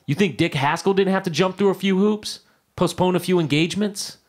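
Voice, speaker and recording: Pleading fast and stumbling over his words, an actor with a high voice plays a hopeful, defensive, deluded screenwriter struggling to make it, in a period audio drama.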